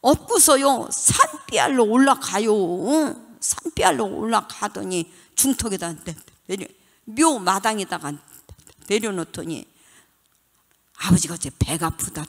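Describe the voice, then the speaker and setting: Older woman, church testimony, lively swooping pitch, long reverb of a church hall. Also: measured pace. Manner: animated storytelling, dramatic retelling of childhood. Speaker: church deaconess giving testimony.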